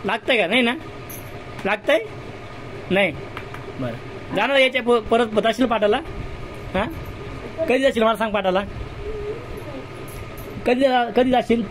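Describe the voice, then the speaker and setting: A man's voice: extremely high pitch, unhurried, pauses often, noisy background. A man at home sternly scolding a child, asking the same questions again and again. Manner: stern, repeats questions insistently. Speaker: family member scolding a child. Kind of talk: home recording, family scolding. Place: home indoors.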